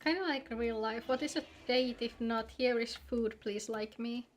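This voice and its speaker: This game streamer's fairly high female voice holds a steady tone at a moderate pace while she jokes and chats playfully during play. Background music accompanies her.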